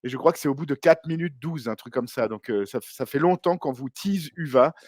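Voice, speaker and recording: A man's voice: medium pitch, fairly quick, a little mellow, no room sound, clean studio sound. A man co-hosting a podcast, chatty and hesitant with many fillers. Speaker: podcast co-host. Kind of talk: casual podcast chat.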